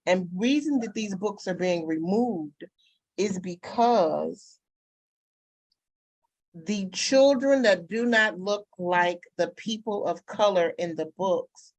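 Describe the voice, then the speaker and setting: A woman's voice: mid-range voice, slow pace, no room sound, poor audio. A woman speaking on a discussion panel, making an impassioned argument and building her points with examples.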